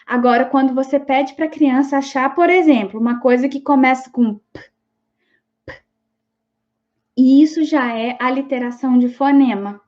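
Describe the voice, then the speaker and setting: A high-pitched woman teaches an online class. She explains step by step and keeps checking that her listeners follow. The audio is a little dull and lo-fi. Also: moderate pace. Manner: explanatory, frequent checking tags like "tá bom?".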